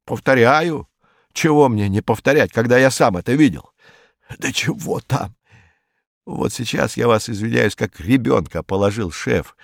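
A man's voice: mid-range voice, a little slow, gravelly, no echo, studio quality. Man doing a jittery, terrified gangster informer. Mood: scoffing. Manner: jumpy, rambling, pleading. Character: frightened, superstitious male gangster informer.

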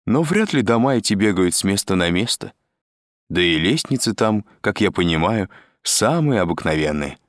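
A man reading an audiobook in a calm, measured voice. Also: lowish voice, no room sound, clean studio sound. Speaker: audiobook narrator. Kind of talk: scripted narration.

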